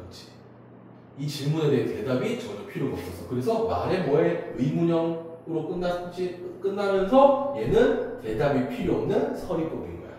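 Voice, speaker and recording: Man lecturing, animated, slightly high, distant reverberant hall sound. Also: a little hiss or hum. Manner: animated, asks and answers his own questions. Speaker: teacher. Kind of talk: classroom lecture. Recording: distant echoey classroom recording.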